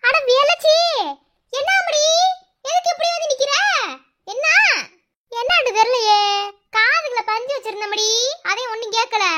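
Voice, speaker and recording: A woman's voice: extremely high pitch, moderate pace, long pauses, sharp tone. A woman voicing a panicking old village grandmother from Madurai who cries and calls out names frantically. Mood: frantic, crying. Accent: Madurai Tamil. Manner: wailing, frantic, repeats names. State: crying.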